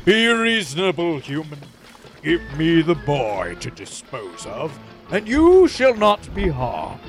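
A woman's voice: deep voice, wildly swooping pitch, takes it slowly, over music, heavily acted. A woman playing a menacing, imperious demon lord who scorns mortals, in an audio drama. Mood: threatening.

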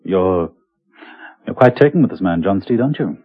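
Deep, jealous, grumbling conspirator. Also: male voice, animated, normal speed, slightly rough. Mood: suspicious, jealous. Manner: guarded, resentful. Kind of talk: old radio drama acting. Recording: thin, phone-like vintage radio recording.

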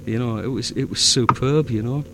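A man's voice: medium pitch, a little fast, a bit bright, a little hiss or hum. A man with a Northern English accent chatting casually, rambling with lots of fillers and restarts. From north of England. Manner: rambling, many fillers and restarts, easy laughter. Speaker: fan audio drama producer. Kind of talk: casual chat.

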